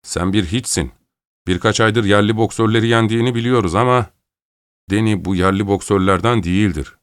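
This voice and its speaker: A man's voice: lowish voice, brisk, clean tone, no room sound, clean studio sound, lightly acted. A man voicing a bossy male fight promoter who talks in a blunt, coaxing way.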